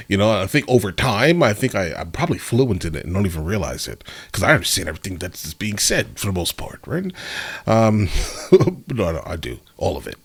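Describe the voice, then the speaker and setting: A low-voiced man reacts off the cuff. His voice is husky and his pitch moves around a lot. He talks casually and with slang, checking in with the listener as he goes. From New York, United States. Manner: informal, slangy, checks in with "right?". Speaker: reaction video host.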